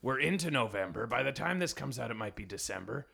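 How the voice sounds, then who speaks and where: Very gravelly man, bright and forceful. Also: medium pitch, animated, fast talker. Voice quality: cartoonishly gravelly voice. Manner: mock-grandiose, joking. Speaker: podcast host. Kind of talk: comedic podcast banter.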